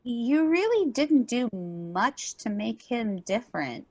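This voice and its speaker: Woman as a slow-paced skeptical older sister. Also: a little high, sing-song, a little mellow, exaggerated voice. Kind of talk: amateur play reading.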